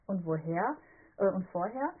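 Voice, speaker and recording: A woman's voice: medium pitch, lively intonation, a little slow, slightly rough, phone-quality sound. A woman voicing a naive, good-natured young girl who speaks in a plain, puzzled way.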